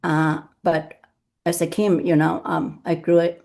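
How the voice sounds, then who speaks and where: A woman's voice: deep voice, little pitch movement, vocal fry, darkish tone. A middle-aged woman from Taiwan, sharing hesitantly in an online study group. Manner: hesitant, halting with many fillers. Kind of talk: personal sharing in an online discussion.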